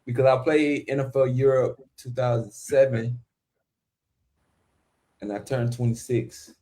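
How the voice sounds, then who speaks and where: A man in his forties who used to play football tells stories in loose podcast chat. He gets animated and emphatic, with sudden punchy outbursts. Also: medium pitch, a little slow. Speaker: podcast co-host, former pro football player. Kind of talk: casual chat.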